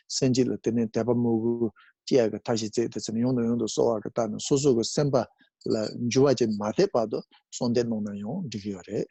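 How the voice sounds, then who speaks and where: A man giving a Buddhist teaching with a gravelly voice, often clearing his throat. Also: mid-range voice, warm tone, no room sound.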